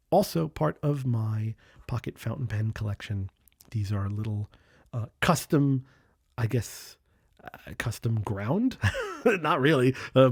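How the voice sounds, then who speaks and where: A man's voice: medium pitch, gravelly, darkish tone, breathy edge, no echo. Chatty man reviewing pens, dry close sound. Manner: enthusiastic, repeats words and restarts often. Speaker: channel host reviewing pens. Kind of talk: casual product review.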